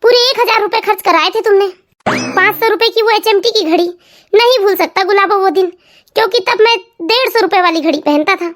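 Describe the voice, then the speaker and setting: A woman's voice: extremely high pitch, brisk, fairly bright tone. A woman voicing a tired, lazy young husband in a comedy cartoon, grumbling and dodging. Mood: teasing. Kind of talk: cartoon family comedy voice acting.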